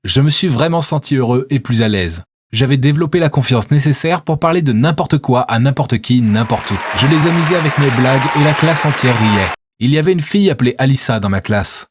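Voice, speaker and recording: Un homme au timbre voilé, un peu soufflé, raconte une histoire écrite à la première personne. Son débit est régulier et sincère, la voix posée à hauteur moyenne. Un ton de conteur pour un récit animé. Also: male voice, mid-range voice, lively intonation, a little fast, slightly rough, some chatter behind. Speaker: narrator. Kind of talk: scripted first-person story narration.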